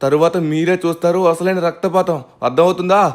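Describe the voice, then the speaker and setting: A hard-working young hero narrates to viewers in a game role-play dub, voiced by a man. He speaks in a fairly high register and flares up quickly when crossed. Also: steady tone, lightly acted. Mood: angry. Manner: talks straight to viewers, quick to anger. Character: hard-working young man defending his tree house. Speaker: main character and narrator.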